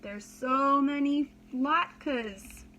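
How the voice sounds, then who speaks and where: A woman with a high, sharp voice reads a children's story very slowly, with a little hiss or hum on the audio. As a preschool teacher, she reads dramatically and expressively, adding simple explanations for young listeners.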